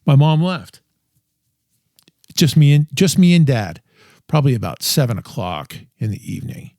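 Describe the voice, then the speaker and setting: A middle-aged man hosting a podcast, telling a personal story in a quiet, tired, rambling way with many restarts. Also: mid-range voice, big pitch swings, normal speed, no room sound, studio quality. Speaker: podcast host.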